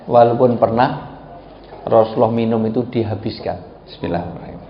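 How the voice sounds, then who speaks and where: A male preacher, giving an animated, joking sermon and acting out voices. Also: mid-range voice, brisk, background noise. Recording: echoey, dull hall recording.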